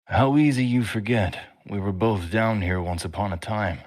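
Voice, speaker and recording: A man's voice: lowish voice, normal speed, darkish tone, close to an everyday voice. A man voicing a friendly, boisterous male wizard who is drunk, with tipsy, slurred banter in a story reading. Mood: wry.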